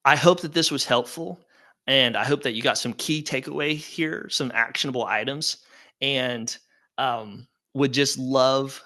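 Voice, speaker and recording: Upbeat casual man with a bright voice. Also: mid-range voice, unhurried. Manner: casual, upbeat, conversational with fillers. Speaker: webinar presenter. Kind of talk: live webinar with audience Q&A.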